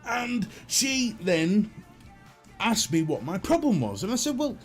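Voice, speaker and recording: A man's voice: high-pitched, very animated, slow, faint music behind. A man, telling a comic story in casual chat as the host of a live stream, sweary and exasperated.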